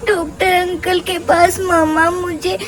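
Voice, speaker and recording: A woman's voice: extremely high pitch, little pitch movement, takes it slowly. A woman voicing a playful, cheeky baby boy in cutesy baby talk with doubled words, as a vlogger narrating for her baby.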